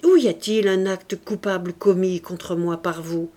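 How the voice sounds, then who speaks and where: An agitated male town mayor bursts out with urgent, bewildered questions, voiced by a woman reading aloud. His voice rises and grows louder against the calm narration. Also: medium pitch, slow, creaky, husky, full character voice.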